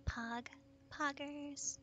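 A woman streaming a video game, chatting casually and playfully with a co-host, with excited gasps. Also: sits high, extremely slow. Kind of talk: casual gaming stream chat.

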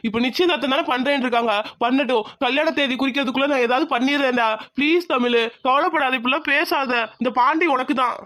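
A man's voice: extremely high pitch, fast, hardly any pauses, bright, forceful tone. A performer voicing a devoted young village man in a cartoon, pleading with the woman he loves. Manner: pleading, earnest promises. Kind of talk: cartoon voice acting.

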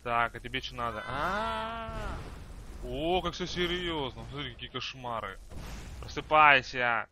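Guy doing goofy game commentary, super sharp bright voice, slangy and exclaiming. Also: medium pitch, expressive, brisk, few pauses, a little hiss or hum. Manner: exclamatory, mock-outraged, slangy. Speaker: gamer, let's play host. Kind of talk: casual comedic gameplay commentary.

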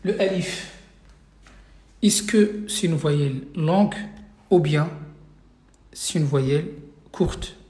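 A man's voice: on the high side, takes it slowly, long pauses, a little mellow, echoey room. A man teaching an Arabic reading class online, running a live quiz and patiently repeating each question several times for his students.

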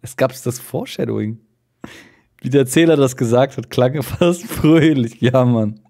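A man's voice: medium pitch, moderate pace, creaky, warm tone. A man streaming, reacting to an audiobook with casual, mocking, joking asides.

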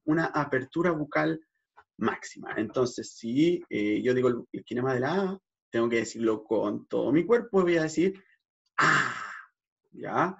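A man's voice: a little high, creaky. A man, a speech therapist, explaining vowel gestures in a lesson, checking in often and demonstrating sounds with exaggerated articulation. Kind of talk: educational explanation. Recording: dull lo-fi recording.

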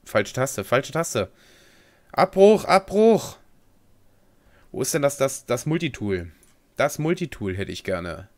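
A man's voice: medium pitch, big pitch swings, normal speed. Rambling young man playing a game. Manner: rambling and slangy, talks to himself while playing. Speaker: gaming video host. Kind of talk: casual let's play commentary.

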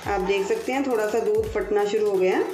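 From a home kitchen, a cooking-channel host with a mid-range, darkish voice walks through each step slowly and patiently repeats it. The recording sounds roomy and distant, with faint music behind her.

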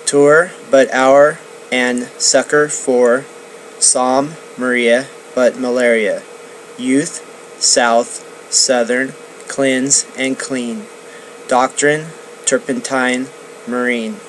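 A student performer carefully reciting a pronunciation drill and then reading a story aloud, with crisp, deliberate diction. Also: mid-range voice, steady tone, slight background noise, poor audio.

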